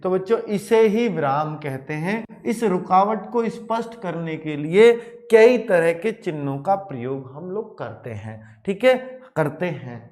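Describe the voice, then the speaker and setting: Male exam-prep Hindi teacher with a slightly high, very lively voice; keeps calling the class children and asking if they follow. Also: a little slow. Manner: animated, addresses students as children, repeats and asks checking questions. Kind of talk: classroom lecture to exam students.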